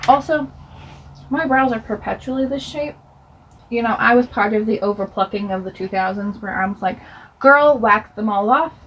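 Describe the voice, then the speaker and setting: A woman's voice: a little high, steady tone, moderate pace. A young woman vlogger telling a dramatic story while doing her makeup, breaking off for chatty product asides. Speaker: beauty vlogger. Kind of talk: get-ready-with-me storytime. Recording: slightly dull, faint noise.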